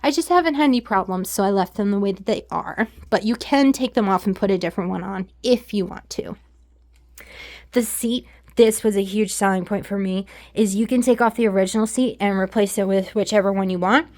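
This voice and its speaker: A woman's voice: medium pitch, a little fast, a little mellow. A woman giving a chatty, candid product review while sitting on an exercise bike at home, a little out of breath. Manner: chatty, candid, self-deprecating. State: slightly out of breath from pedaling. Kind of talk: casual product review vlog.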